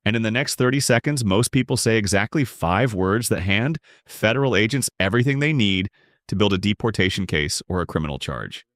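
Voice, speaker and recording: A man giving scripted narration that explains legal rights in a measured, emphatic way. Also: lowish voice, expressive, fairly bright tone, no room sound, clean studio sound.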